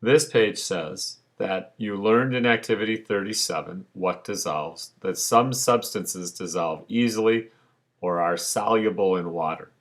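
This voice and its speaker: A man's voice: deep voice, a little slow. A male science teacher giving a recorded online lesson over slides, explaining patiently with frequent fillers.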